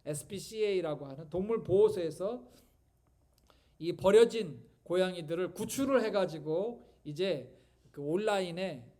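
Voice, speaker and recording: A man's voice: high-pitched, a little mellow. A male pastor giving a conversational sermon, telling stories and asking rhetorical questions.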